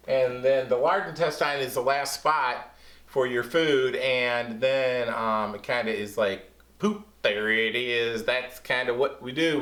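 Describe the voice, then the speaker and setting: A man teaching a kids' science lesson in a casual, lively way, speaking to children. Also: medium pitch. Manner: casual, lively, talks to kids. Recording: echoey room.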